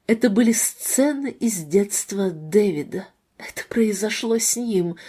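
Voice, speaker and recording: A woman reading a novel aloud in calm, measured scripted narration. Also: medium pitch, slightly rough. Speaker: audiobook narrator.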